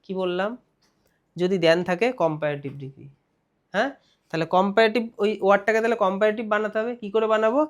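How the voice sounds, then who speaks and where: A man's voice: high voice, fairly even intonation, clean tone. Male Bengali teacher drilling grammar rules. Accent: West Bengal Bengali. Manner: repeats questions and answers them himself, drawn-out key words. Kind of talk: exam grammar lesson.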